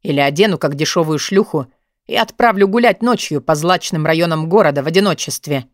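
A woman's voice: no room sound, clean studio sound, natural voice. A woman doing a weary, brooding dominant man. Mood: weary, firm. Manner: low, measured, tired tone.

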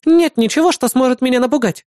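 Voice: sits high, fast talker, a little mellow, dry recording, studio quality, pitched above the performer's own voice, lightly acted. A reader voicing a brash, childish young woman who whines, pleads and bosses people around, in an audiobook. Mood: cocky. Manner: whiny, pleading, bossy.

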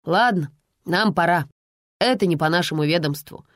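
A woman voicing weary police officers who brush people off flatly. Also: fairly low pitch, normal speed, dry recording, clean studio sound, lightly acted.

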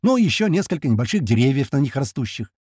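A man voicing a gruff male soldier squad leader who yells and swears in a husky voice. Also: medium pitch, big pitch swings, fast talker, dry recording, clean studio sound. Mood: yelling. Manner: yelling and swearing.

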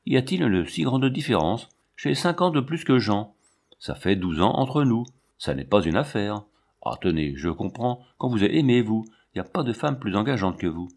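A man's voice: on the low side, expressive, moderate pace, a little mellow. A man doing a passionate, brutal lion tamer. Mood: pleading.

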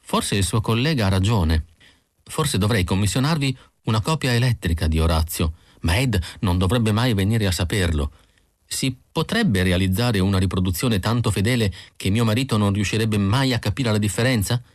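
A man's voice: lowish voice, moderate pace, no room sound, studio quality, natural voice. A man voicing a grieving middle-aged housewife, tearful and pleading, in an audiobook reading. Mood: anxious. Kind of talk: audiobook character voice.

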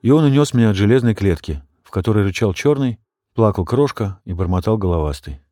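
A man reading a children's story aloud, expressive and raising his voice for the dogs' shouts. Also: lowish voice, fairly quick, no room sound, clean studio sound. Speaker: audiobook reader. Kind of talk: storybook narration.

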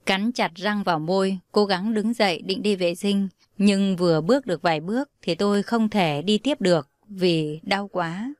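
A young woman reads a first-person story in a calm, steady voice. Her pitch sits in the middle range, and the recording is dry and close with no room sound. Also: moderate pace, few pauses, dry recording.

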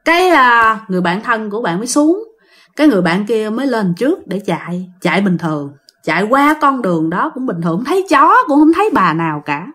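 A woman tells a ghost story in a casual, animated way, often addressing her listeners directly. Her voice sits fairly high and rises and falls with lively swings in pitch. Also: a little fast.

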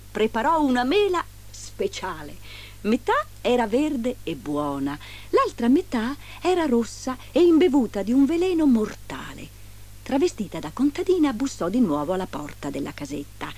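A woman reading a fairy tale aloud in an expressive, dramatic storybook style. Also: sits high, normal speed.

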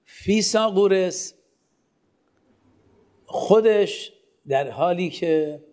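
A man's voice: mid-range voice, a little mellow. A man giving a classroom lecture, often asking the class a question and then answering it himself, with direct instructions to his students. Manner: poses rhetorical questions and answers them himself.

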